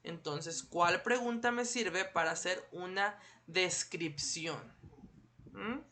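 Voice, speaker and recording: A man leads an online lesson in a bright, ringing voice. He poses questions to his students and patiently supplies the answers himself. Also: high-pitched, slow pace. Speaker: primary school teacher.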